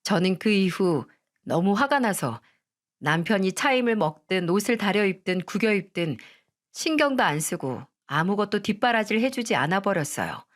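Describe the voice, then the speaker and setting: A woman reading a scripted personal story as narration, in a steady, confiding manner. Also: mid-range voice, moderate pace.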